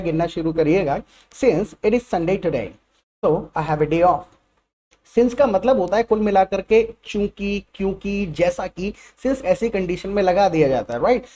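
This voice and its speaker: Mellow-voiced Hindi-speaking teacher. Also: male voice, high-pitched. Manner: drills example sentences slowly, often asks "right?". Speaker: English teacher. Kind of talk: spoken English lesson in Hindi.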